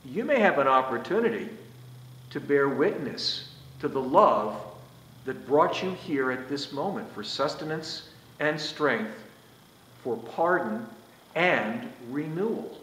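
A man's voice: mid-range voice, slow. Older male priest preaching in an echoey church. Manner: animated gestures, rising and falling emphasis. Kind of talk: sermon. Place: small church sanctuary, indoors. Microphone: far camera.

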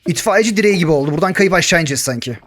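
A young man narrating and reacting to his Minecraft survival game, joking and yelling in panic when chased. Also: fairly high pitch, animated, very fast, background noise. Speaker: gaming YouTuber. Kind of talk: Minecraft let's play with story narration.

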